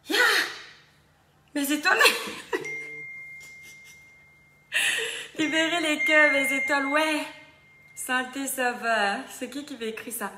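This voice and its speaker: A woman livestream host with a slightly high, fairly bright voice chats casually, greeting viewers by name and slipping into little snatches of song. The recording has a little hiss or hum, an echoey room, and music playing behind her.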